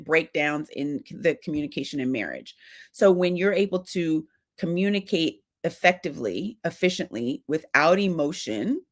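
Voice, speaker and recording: Woman, middle-aged, marriage coach, casual advice talk, direct and animated, gravelly, low-pitched. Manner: direct, animated, acts out little quoted exchanges.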